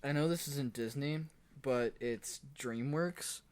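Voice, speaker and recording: Halting man co-hosting a podcast. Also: medium pitch, clear, resonant tone. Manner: halting, interrupts with ideas. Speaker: podcast co-host. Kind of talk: casual podcast chat.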